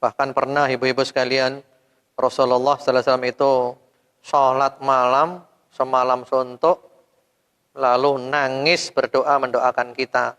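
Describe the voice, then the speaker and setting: A male preacher giving a sermon to a women's study group, firing rhetorical questions at his audience, with sudden loud rises and soft, trailing endings. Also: mid-range voice, level tone, moderate pace, long pauses, clear, resonant tone. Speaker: Islamic preacher. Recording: long hall reverb.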